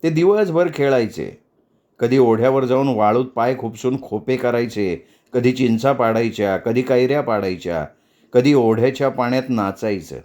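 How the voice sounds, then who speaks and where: Man, storyteller, novel narration, measured, even, mid pitch.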